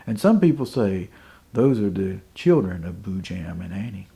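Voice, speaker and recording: A man telling a folk tale in an unhurried, dramatic way, dropping to hushed asides. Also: low voice, sing-song, vocal fry. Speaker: folk storyteller.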